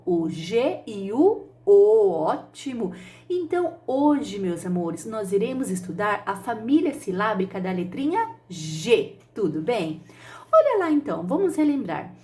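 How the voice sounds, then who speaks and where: A woman's voice: medium pitch, a little mellow. A woman teacher giving a children's phonics lesson, sounding out syllables in an affectionate, sing-song way.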